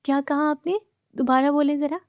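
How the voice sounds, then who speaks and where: A cheeky, bossy young woman teases and pushes others around in a storybook reading, as a woman narrator voices her. The voice sits a little high but is mellow and dry, with no room sound. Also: steady tone, fairly quick, dry recording. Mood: teasing. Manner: brash, playful, bossy. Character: bold teasing young woman student.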